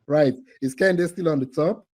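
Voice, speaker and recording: A man's voice: on the high side, moderate pace, a little mellow, low-quality recording. A man hosting a live online quiz for a training cohort over a video call, teasing the players and laughing often.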